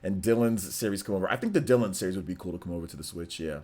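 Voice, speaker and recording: Talking very fast in a low, dark voice, this streamer host in his forties reads out viewer messages. His livestream chat is casual, relaxed, rambling, and full of slang.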